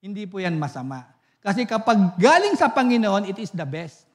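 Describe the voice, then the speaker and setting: A man's voice: high-pitched, moderate pace. A male pastor preaching a sermon at a church service, telling stories with a laugh and asking the congregation for amens. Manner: lively storytelling, laughs often, asks the congregation for amens.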